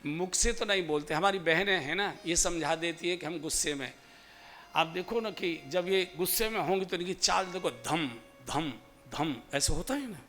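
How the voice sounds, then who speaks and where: A man's voice: high-pitched, normal speed, bright, forceful tone, soft background music. A man preaching a devotional sermon, stretching his phrases in a sing-song way.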